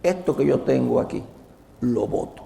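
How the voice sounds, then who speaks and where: A man's voice: mid-range voice, animated, moderate pace, gravelly, background noise. A man, a visiting professor, giving a doctrinal lecture to a live audience, telling humorous personal stories and acting out both sides of remembered conversations. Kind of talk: lecture told through personal anecdotes.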